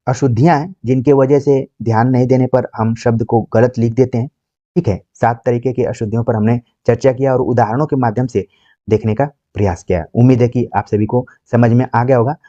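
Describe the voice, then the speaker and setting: A man's voice: mid-range voice, normal speed, dark tone, dry recording, dull audio. Patient male Hindi grammar teacher. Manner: patient, repeats examples, rhetorical questions. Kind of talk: exam-prep grammar lecture.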